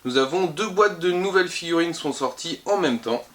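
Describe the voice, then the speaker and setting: A man's voice: fairly high pitch, expressive, normal speed, a bit bright, slight background noise. A man who works in a game shop, running through the week's new releases to camera in a chatty, upbeat way with frequent hesitations and self-corrections. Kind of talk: casual product roundup to camera.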